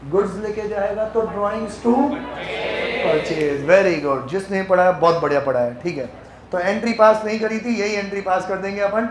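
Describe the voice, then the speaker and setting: A man teaching an accounts class, joking with his students and reading the questions out slowly. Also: high voice. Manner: teasing, banters with students, reads questions slowly. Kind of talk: classroom lecture. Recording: echoey classroom.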